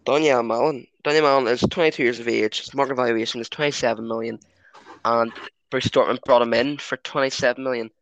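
A man's voice: mid-range voice, fairly even intonation, fast, fairly bright tone, no echo, muffled recording. A man hosting a football podcast in a casual, chatty way. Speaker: podcast host. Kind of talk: casual chat, moderating a football discussion.

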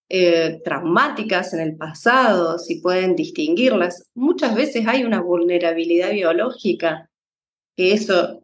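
A woman, a psychologist guest in a conversation, explaining in a calm, unhurried way. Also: lowish voice, reverberant, a little hiss or hum. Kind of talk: interview conversation.

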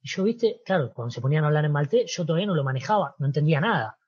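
A man with a Rioplatense Spanish accent tells his story with animation, slipping into the voices of the people in it and checking in with "¿viste?". His voice is husky and slightly rough at the edges. The recording sounds a bit dull and muffled. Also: a little high, rapid-fire. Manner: animated storyteller, acts out dialogue, frequent "¿viste?". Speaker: interview guest, former footballer. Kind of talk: casual storytelling.

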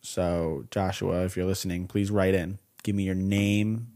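A man's voice: low-pitched, flat delivery, measured pace, warm tone. A man in his twenties co-hosting a podcast, reading listener mail aloud with sarcastic, mock-insulting banter. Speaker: podcast co-host.

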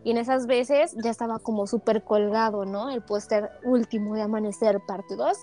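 A young woman chats on a podcast, her voice sitting high and bright as she retells a story with animated, dramatic flair. Faint music plays softly behind her. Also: moderate pace. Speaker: podcast co-host. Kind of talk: casual chat, personal storytelling.

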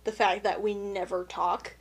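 A woman's voice: medium pitch, little pitch movement, a little slow, husky. A woman hosting a casual podcast chat, making dry, wry asides. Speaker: podcast host.

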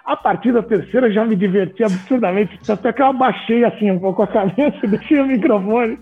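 A man, a sports journalist telling animated, laughing anecdotes in an interview. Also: sits high, a little fast. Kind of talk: casual storytelling in an interview. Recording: tinny phone-like audio with faint music.

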